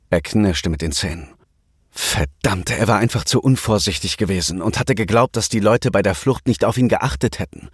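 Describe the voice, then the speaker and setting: A man narrating a German story in a measured, even storytelling voice. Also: low voice, husky, no room sound, studio quality. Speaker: audiobook narrator. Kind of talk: scripted narration.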